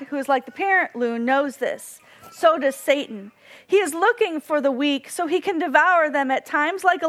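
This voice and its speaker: A woman giving a devotional talk, telling a story in an earnest, animated way and imitating bird cries. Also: high voice. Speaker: devotional speaker.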